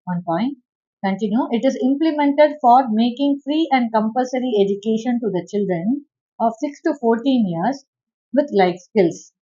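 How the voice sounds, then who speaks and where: A woman teacher reading a textbook aloud and dictating answer points to her students, with quick asides between passages. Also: on the high side, expressive, dark tone. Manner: reads text aloud, then gives quick asides to students. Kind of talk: classroom lesson dictating notes. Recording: dull lo-fi recording.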